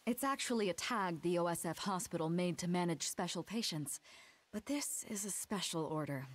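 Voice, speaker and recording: A woman playing a resolute, gentle young mother in an anime game, composed and earnest. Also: on the low side, normal speed, close to an everyday voice. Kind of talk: anime video game dub acting.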